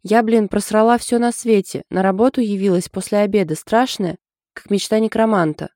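A woman's voice: mid-range voice, steady tone, normal speed, darkish tone, dry recording, clean studio sound, pitched above the performer's own voice, natural voice. A woman voicing a cheerful, brash young married woman in an audiobook.

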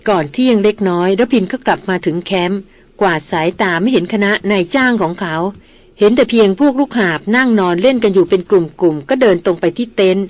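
Steady audiobook narrator, woman, mid-pitched, close dry recording. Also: fast talker, no room sound. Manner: steady storytelling. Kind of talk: scripted novel narration.

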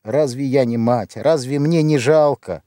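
A man's voice: mid-range voice, unhurried, mellow, dry recording, studio quality, lightly acted. A man voicing a frightened, grieving old mother who reproaches her condemned son in a raised, pleading voice. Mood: plaintive. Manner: plaintive, pleading.

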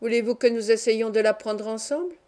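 A woman reading the part of a strict but tender mother in an audiobook, speaking gently yet firmly. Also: a little high, a little fast, lightly acted.

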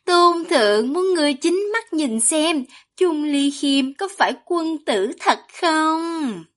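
A woman's voice: high-pitched, lively intonation, slow, voice pushed up. A woman voicing a cruel, scheming young demonic sorceress with a haughty, mocking manner in a fantasy audiobook.

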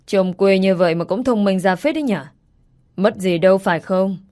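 A woman's voice: medium pitch, moderate pace, darkish tone, close to an everyday voice. A woman voicing a smug, mocking ex-husband. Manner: sneering, mocking.

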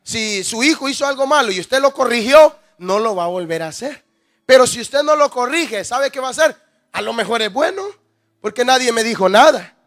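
High-voiced male preacher, works the congregation with questions and acted-out stories. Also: lively intonation, a little fast, fairly bright tone. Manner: rhetorical questions, calls listeners "hermano", acts out scenes. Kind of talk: sermon.

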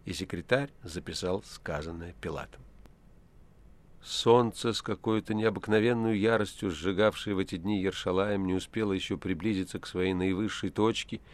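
A man narrating a novel as an audiobook in a measured, even reading. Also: sits low. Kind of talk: scripted literary narration.

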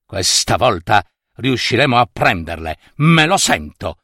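A man voicing a calm young boy who speaks reassuringly in a storybook. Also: on the low side, measured pace, no room sound, clean studio sound, exaggerated voice.

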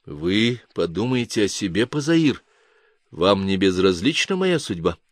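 A man voicing a reserved young woman, soft, hesitant and guarded in an audiobook. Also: low voice, big pitch swings, a little slow, no room sound, exaggerated voice. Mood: wistful.

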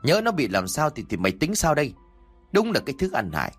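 A man voicing the cruel, scolding wives of a rich landlord, berating a servant in rapid bursts. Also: huge pitch swings, husky, faint music behind, heavily acted. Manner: shrill, fast berating.

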